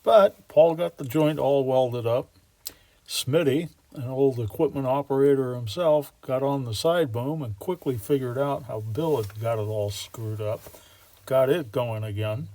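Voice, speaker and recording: A man narrating a story in a folksy, wry tone, dropping casual slang as he goes. His pitch sits in a middle range. The recording is dry and close, with no room sound. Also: measured pace, warm tone, no room sound. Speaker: storyteller and model railroad builder.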